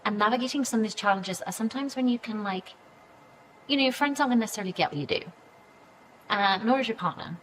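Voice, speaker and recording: A woman's voice: on the high side, fast, slight background noise, rough recording. A woman in her thirties, a PR agency founder, talking as a podcast guest in a loose, chatty way, full of fillers and acted-out quotes of her own reactions. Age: 30s. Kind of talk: casual interview conversation.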